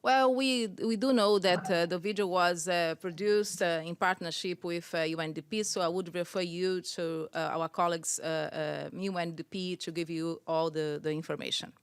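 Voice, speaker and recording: A woman's voice: on the low side, steady tone, normal speed, hardly any pauses, clean tone, no room sound. A woman spokesperson running a press briefing, polite and hesitant with many fillers. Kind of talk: press briefing, answering questions.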